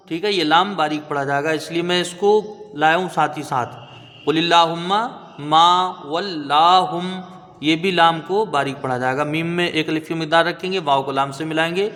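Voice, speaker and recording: Patient male Quran tutor with bright tone. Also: on the high side, in a large hall. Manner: patient, drawn-out chanting of each word, frequent "theek hai?" checks. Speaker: Quran recitation teacher. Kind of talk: tajweed lesson, spelling out letters then chanting words.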